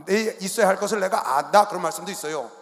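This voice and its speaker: A male pastor preaching a sermon, swinging between loud shouting and quiet, low asides. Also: fast. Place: large sports arena. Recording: long hall reverb from arena.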